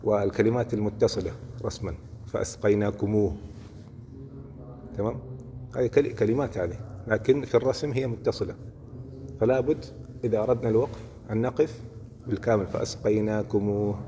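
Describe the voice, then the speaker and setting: A man's voice: mid-range voice, quick pace, warm tone. A man teaching Quran recitation in a religious lesson, explaining step by step and often checking that listeners follow. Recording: hall reverb with faint noise.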